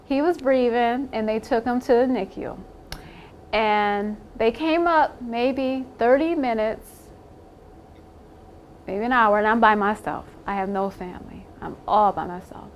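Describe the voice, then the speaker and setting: A woman's voice: on the high side, a little slow, dull audio, a little hiss or hum. A woman in an interview giving a candid personal account, blunt and emphatic, swearing now and then and laughing wryly.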